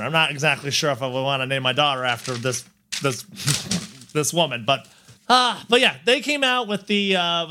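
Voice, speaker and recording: A man's voice: on the high side, pushed and bright. A man hosting a podcast in casual chat, rambling with fillers and laughing often. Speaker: podcast host.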